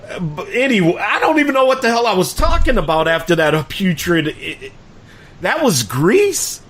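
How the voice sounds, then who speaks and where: A man's voice: high voice, sing-song, normal speed, a bit bright. A middle-aged man co-hosting a sports podcast in casual, crude, joking chat full of fillers. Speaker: podcast co-host.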